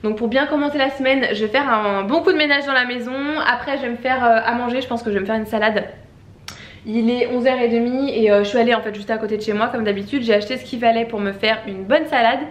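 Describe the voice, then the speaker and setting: A woman's voice: fairly high pitch, steady tone, fast talker, highs cut off. A young woman vlogging casually at home, chatty and rambling with many fillers. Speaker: beauty vlogger. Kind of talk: casual vlog chat. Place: at home, indoors. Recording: echoey room.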